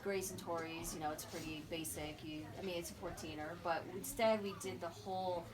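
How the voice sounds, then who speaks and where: Animated middle-aged woman storytelling at a memorial, far from the mic, people murmuring around. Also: lowish voice, fairly quick. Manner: animated, acts out quoted voices, laughs often. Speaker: memorial speaker. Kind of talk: personal storytelling. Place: memorial gathering. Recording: distant mic with crowd around.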